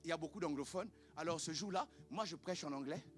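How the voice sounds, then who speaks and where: A man, a native Lingala speaker, preaching an impassioned sermon as pastor in a church, often rising to shouts. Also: a little high, quick pace, faint music behind.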